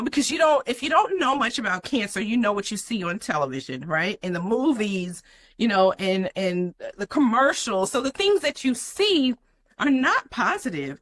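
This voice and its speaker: A woman's voice: fairly high pitch, fairly bright tone, low-quality recording. A young adult woman, a guest in an interview, telling her personal story in an earnest way with many "you know" fillers.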